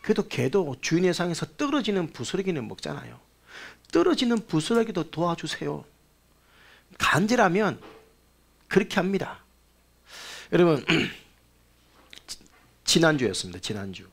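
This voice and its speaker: A male pastor preaching a sermon, telling a story with rhetorical questions, swinging between loud bursts and quiet asides. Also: fairly high pitch, sing-song, moderate pace, creaky, pauses often, slightly rough. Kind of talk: sermon with anecdote.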